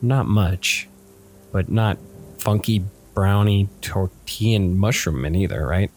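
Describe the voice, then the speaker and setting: A man's voice: low-pitched, takes it slowly, darkish tone, a little hiss or hum. A man voicing a greedy, hungry young boy hunter who talks bluntly and bossily to his pet, in a storybook reading. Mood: easygoing.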